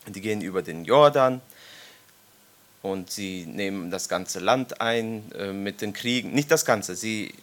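A man's voice: fairly low pitch, a little slow, fairly bright tone. A man in his thirties preaching to his congregation, reading scripture aloud and joking with listeners through questions. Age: 30s. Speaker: preacher leading a Bible study. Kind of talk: informal sermon with scripture reading. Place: church congregation gathering.

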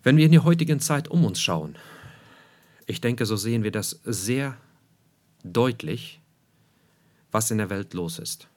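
A man's voice: mid-range voice, animated, a little slow, long pauses, a little mellow. A man preaching a sermon, emphatic, repeating key phrases for weight and asking his listeners rhetorical questions.

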